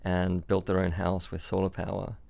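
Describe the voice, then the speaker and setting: A young man speaks at a moderate pace in a deep, slightly mellow voice with vocal fry and a completely flat delivery, with no echo. He's a startup founder born in Switzerland and raised in Australia, casually chatting as a podcast guest in London, often repeating words and restarting sentences.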